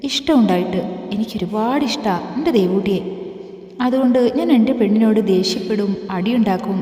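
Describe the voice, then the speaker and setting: A woman's voice: medium pitch, a little fast, mellow, natural voice. A woman voicing a teasing, affectionate young man in a love story, reading in a roomy, echoey space. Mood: tender. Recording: echoey room with long reverb.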